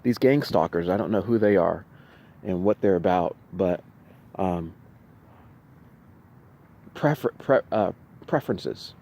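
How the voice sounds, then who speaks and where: A vlogger with a fairly low, dark-toned, expressive voice vents to his camera in an unscripted monologue about his own experiences. He speaks haltingly and repetitively, restarting and doubling back on phrases, yet his delivery stays insistent and emphatic.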